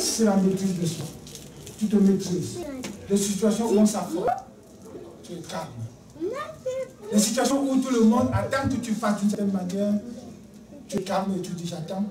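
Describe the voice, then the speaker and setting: A preacher giving a sermon, addressing listeners as beloved and laying out points one by one, often dropping soft and quiet on key words. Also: medium pitch. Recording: echoey room, voice heard from a distance.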